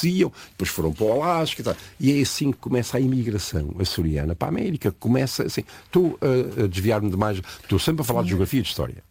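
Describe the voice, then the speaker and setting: An older man talks in a very deep, husky voice. He tells stories and lectures in a reflective, digressive way. The recording is dry and close. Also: a little mellow, no echo. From Azores, São Miguel. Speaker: interview guest. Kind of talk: conversational storytelling interview.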